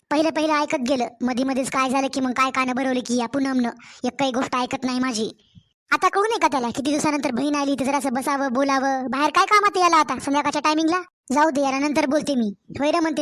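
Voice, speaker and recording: Cartoon nagging sister-in-law voiced by a woman, Marathwada accent, high, jabbing delivery. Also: fairly bright tone. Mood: scolding. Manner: taunting, nagging, needling. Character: sharp-tongued married sister-in-law, taunting. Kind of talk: cartoon family story acting.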